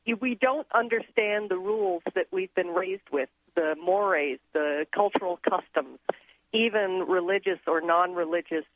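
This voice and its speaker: A woman who grew up in Thailand, a guest on a radio show, explaining her ideas in an earnest, steady way. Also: on the low side, a little slow, no echo. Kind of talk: casual radio interview. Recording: tinny phone line.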